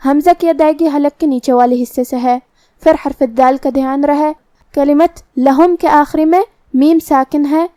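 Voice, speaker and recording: A woman teaching Quran recitation rules, explaining pronunciation step by step and reciting verses slowly. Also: sits high, fairly even intonation, dark tone, no room sound. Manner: explains articulation points methodically, then recites verses very slowly. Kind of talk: tajweed lesson with slow recitation.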